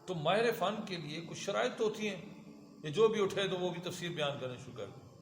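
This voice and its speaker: A man gives a classroom lecture as an Islamic teacher, constantly quizzing his students and having them repeat his words. His voice sits a little high. The recording rings with long reverb from a large hall, and steady background noise runs under it. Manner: lively, asks students questions and has them repeat.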